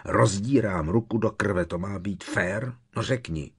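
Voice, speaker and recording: A man's voice: on the low side, fairly bright tone, slightly rough, full character voice. A man voicing a defiant, hot-tempered teenage boy who protests in a sarcastic, indignant way.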